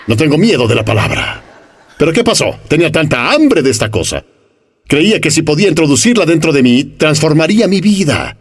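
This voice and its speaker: A man preaching with a lively voice that climbs and falls across a wide range. He is animated, throws out rhetorical questions and acts out the people he quotes. His voice sits a little higher than most men's. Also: brisk, husky. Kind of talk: sermon.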